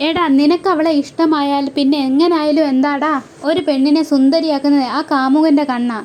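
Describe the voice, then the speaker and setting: Teasing know-it-all big brother, as a woman puts him on, high voice. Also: fairly even intonation, normal speed, a little mellow, natural voice. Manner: teasing, lecturing. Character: teasing older brother, playful and boastful.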